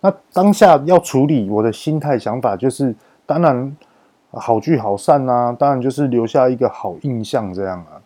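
A male podcast host with a Taiwanese Mandarin accent tells a story about work in a casual, animated style, drawing out his sentence-final particles for emphasis. His voice is mid-range and his speed normal.

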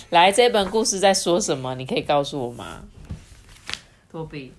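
A woman reading a picture book aloud to her child at home, lively and chatty, with high squeaky voices for the characters. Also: moderate pace, a little hiss or hum. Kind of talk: storybook read-aloud to a child.

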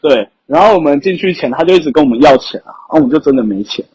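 Husky, higher-voiced young Taiwanese man. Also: lively intonation, very fast, a little mellow, poor audio. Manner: often chuckles while telling stories. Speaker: podcast guest. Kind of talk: casual anecdotal storytelling. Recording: rough amateur podcast audio.

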